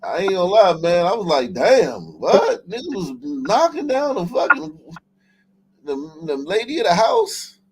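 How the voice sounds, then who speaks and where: Hosting a livestream, this man speaks in a high voice with huge swings in pitch, yet keeps a measured pace. His chat is casual and full of profanity, with frequent repeated and restarted phrases. There's clear background noise in the recording.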